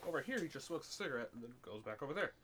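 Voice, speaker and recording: Chatty man with a lively voice. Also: fairly high pitch, very fast, slight background noise. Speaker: podcast co-host. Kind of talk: casual group chat.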